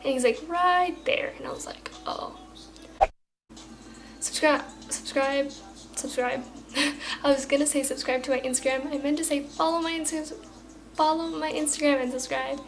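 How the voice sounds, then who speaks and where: A woman's voice: high-pitched, brisk, poor audio. Chatty young woman telling a story. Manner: chatty, animated retelling with lots of fillers. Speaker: vlogger. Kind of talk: casual storytime vlog.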